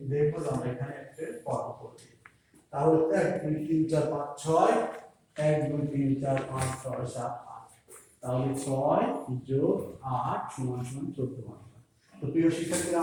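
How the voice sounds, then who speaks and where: Male Bangladeshi teacher, slightly high voice, patient step-by-step lesson, recorded a bit off-mic in a very echoey room. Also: warm tone, far from the mic, slight background noise. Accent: Bangladeshi Bengali. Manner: patient, counts syllables aloud slowly. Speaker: school teacher. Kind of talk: classroom lesson on poetry meter.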